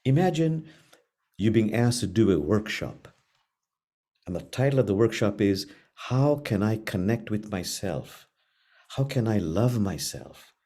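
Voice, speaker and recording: A middle-aged man leads a spiritual class in a mellow, warm voice. His pitch rises and falls in a lively way, and he talks slowly and earnestly, repeating phrases with long pauses between them. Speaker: spiritual teacher. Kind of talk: gentle spiritual class talk.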